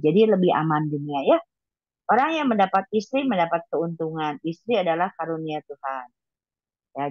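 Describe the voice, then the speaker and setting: A woman giving an informal devotional teaching to colleagues, in a blunt and habitually loud, high-toned manner. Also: no room sound, lo-fi sound. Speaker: devotional reading leader.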